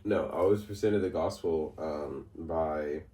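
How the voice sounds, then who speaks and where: A man's voice: extremely low pitch, takes it slowly, dark tone, recorded from a distance. A man co-hosting a casual podcast, telling a story with lots of fillers, restarts and laughter. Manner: rambling, laughs often, many fillers and restarts. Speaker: podcast co-host. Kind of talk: casual chat. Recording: roomy sound from off-mic, faint noise.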